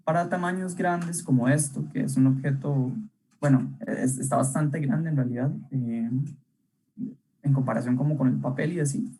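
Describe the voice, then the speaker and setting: A young man leads a live online drawing class in a mellow, slightly husky voice. He talks casually as he works, filling pauses with "um" and asking short checking questions, and his voice drifts on and off the webcam mic. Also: medium pitch, low-quality recording. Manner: casual, thinking aloud, many tag questions and fillers. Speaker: illustration workshop teacher.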